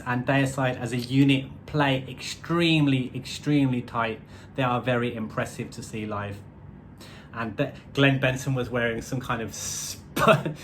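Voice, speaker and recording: A man's voice: mid-range voice, a bit bright, a little hiss or hum. A man giving a casual, rambling album review with wry asides, using musician's terms like semiquavers and odd time signatures.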